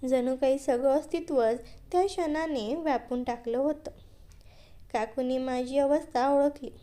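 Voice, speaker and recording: Brief: woman storyteller, high voice, mellow tone, steady scripted read.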